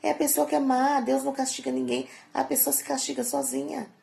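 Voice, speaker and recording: Gravelly-voiced woman giving advice. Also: high voice, little pitch movement, fairly quick, mellow. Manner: chatty and preachy, often tagging sentences with a questioning aside; grows emphatic and scolding. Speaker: vlogger. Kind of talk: casual vlog monologue giving life advice.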